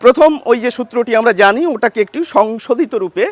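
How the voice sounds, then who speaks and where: High-voiced Bengali teacher, slow and deliberate. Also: male voice, dry recording. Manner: deliberate, sounds out example words, asks questions then answers them. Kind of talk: grammar lesson.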